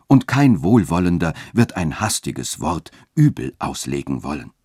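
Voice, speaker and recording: A man's voice: very deep voice, big pitch swings, a little slow, darkish tone, slightly rough, no echo, clean studio sound, full character voice. A man reading a story aloud and voicing a conciliatory guest who placates the others. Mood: placating. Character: conciliatory male guest calming a quarrel.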